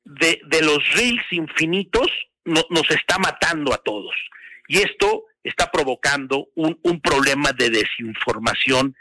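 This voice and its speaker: Mexican male analyst, bright, crisp voice, on a phone call that cuts out, stops and restarts his words. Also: fairly high pitch, animated, unhurried, no room sound. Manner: emphatic, restarts words often. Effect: phone call breaking up and dropping out. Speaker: journalist and analyst. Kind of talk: opinion commentary on a phone call.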